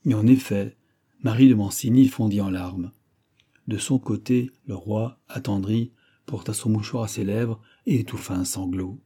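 A male reader narrating a classic novel in a measured, expressive audiobook style. His voice is very dark and mellow in tone. It also carries a husky, breathy grain. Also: fairly low pitch.

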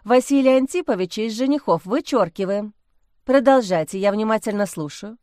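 A woman voicing a flustered, tearful young gentlewoman who pouts and whimpers. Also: lively intonation, no room sound, clean studio sound, natural voice. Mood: eager. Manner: high, plaintive and quick to whimper.

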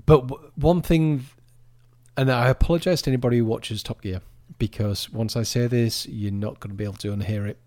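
A man co-hosts a podcast in a casual chat, rambling along and often interrupting himself to restart sentences. His medium-pitched voice has a steady, darkish tone and a brisk pace, with no echo.

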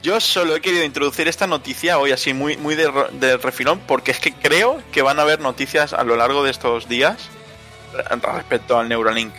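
A man co-hosting a casual gaming podcast, lively and joking, swearing casually. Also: mid-range voice, brisk, soft background music. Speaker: podcast co-host.

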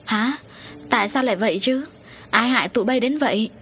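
A woman's voice: a little high, measured pace, slight background noise, voice pushed up, close to an everyday voice. A woman narrator voicing an old grandmother with a cane who fusses over her children. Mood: fretful. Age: older.

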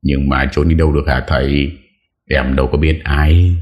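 A man's voice: a bass voice, fairly even intonation, moderate pace, dull audio. A man voicing a frightened young male deserter who pleads breathlessly in a raised voice. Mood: pleading. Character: panicked young male deserter, errand boy.

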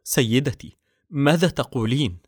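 A man's voice: mid-range voice, animated, moderate pace, husky, dry recording, clean studio sound, voice pushed up. A man doing a frightened young maid. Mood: pleading. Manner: pleading and fearful. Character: timid frightened young maidservant.

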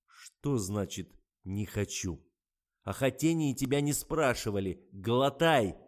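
A man voicing an irritable male film director who shouts bossy orders. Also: lowish voice, drawn-out words. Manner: barking, bossy.

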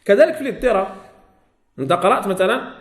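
Male Moroccan Quran teacher, high-pitched, lesson recorded in a reverberant room. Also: lively intonation, rapid-fire. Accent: Moroccan Arabic. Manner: repeats key phrases, asks students questions. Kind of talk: religious lesson explanation. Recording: echoey room.

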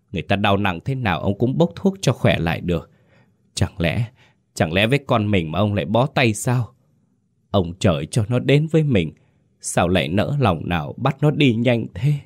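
A man's voice: low-pitched, normal speed, darkish tone. A man voicing a doting older village wife, anxious and pleading, in a told ghost story.

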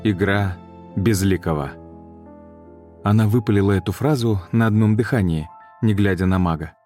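A man narrating an audiobook in a measured, deliberate way. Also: fairly low pitch, darkish tone, faint music behind. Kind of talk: scripted narration.

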